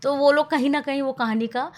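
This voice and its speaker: A woman's voice: high voice, fairly even intonation, fairly quick. A woman storyteller answering interview questions in an earnest, teacher-like way. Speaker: storyteller, guest.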